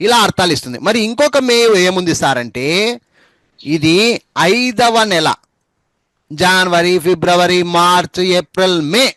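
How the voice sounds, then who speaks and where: A man's voice: high voice, unhurried, long pauses, fairly bright tone, no room sound. A male English teacher, patiently spelling words letter by letter and repeating them for his students. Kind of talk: spoken English lesson over a group call.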